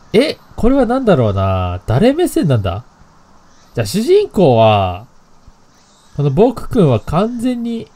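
A man's voice: a little high, dark tone. A man playing a horror game, commenting casually, reading lines aloud and joking. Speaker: game streamer.

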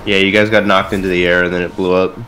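A man's voice: low-pitched, level tone, fast talker, bright, forceful tone, rough recording. A man in a casual gaming voice chat, joking and swearing as he plays. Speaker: gamer in a team voice chat. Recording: game noise behind voice. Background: video game sounds.

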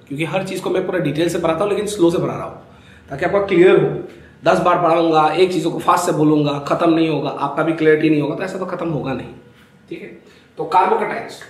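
A chemistry teacher from Assam lectures in a fairly high voice, coaxing his students and repeatedly checking that they follow. The recording is very echoey. He stands some way off from the mic. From Assam, India. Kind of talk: classroom lecture. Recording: very echoey room, voice from a distance.

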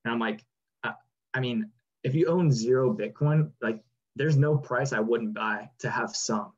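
A man's voice: mid-range voice, a little slow, husky. A man in his twenties, a guest on a video-call interview, talking loosely with many fillers. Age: 20s. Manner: relaxed, lots of "like" and "you know". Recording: dull lo-fi video-call audio.

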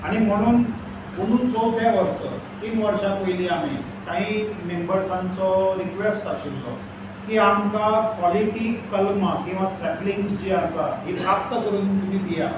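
An older man with a Goan accent, addressing a press conference for a farmers' cooperative, listing names and figures in a steady, formal way. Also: sits high, normal speed. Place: hall with a banner behind a panel. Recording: echoey hall, distant mic, noisy.

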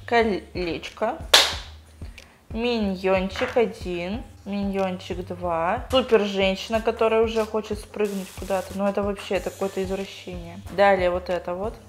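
Sitting in a bathtub in her small tiled bathroom, a young adult woman unboxes toys and chats with her dog and viewers in a playful vlog. Her medium-pitched voice is steady and a little mellow at a moderate pace, and the lapel mic picks up a slight hiss or hum.

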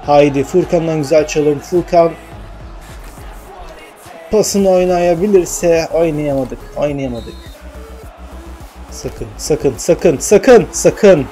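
Young guy calling his football game, kinda high voice but mellow tone, yells at players, music low behind. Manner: excitable, shouts at players, mutters to himself. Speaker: gaming channel host. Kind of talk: live gameplay commentary.

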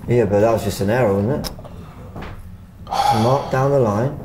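A man's voice: medium pitch, normal speed. A man giving analytical play-by-play as he chats through a live football watchalong. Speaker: watchalong commentator. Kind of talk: live football commentary and chat. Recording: clearly noisy with clicks.

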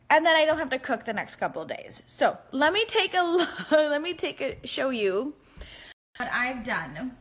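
A woman's voice: sits high, fairly bright tone. A woman in her thirties from the United States, a physician chatting casually on a live stream from her home kitchen, rambling with many ums and frequent laughs. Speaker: family physician and cooking vlogger. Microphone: phone held at arm's length.

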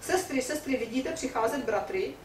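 A fearful young wife, stammering and pleading for mercy, as a woman lecturer reads her aloud. The voice sits fairly high and sounds distant in a reverberant room with faint ambience. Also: expressive, slight background noise. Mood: frightened. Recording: roomy hall from a distance.

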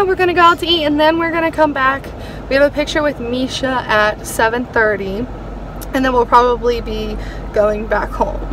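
A young woman chatting excitedly as a vlogger, filming herself on a phone held at arm's length. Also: on the high side. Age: young adult. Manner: chatty, excited fan talk. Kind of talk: casual vlog chat. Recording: phone vlog with background noise.

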